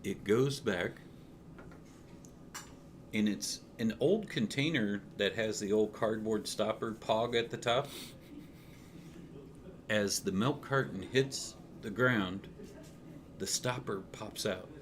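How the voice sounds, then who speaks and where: A man narrating a tabletop game as game master, playful and lively. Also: fairly low pitch, slow, long pauses, slight background noise.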